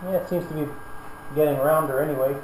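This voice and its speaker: A man's voice: fairly high pitch, fairly even intonation, quick pace. A man talking casually through a face shield as he presents woodturning in his shop, his voice muffled. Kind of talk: casual workshop narration. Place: workshop at a lathe. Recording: muffled, roomy, noisy workshop without external mic.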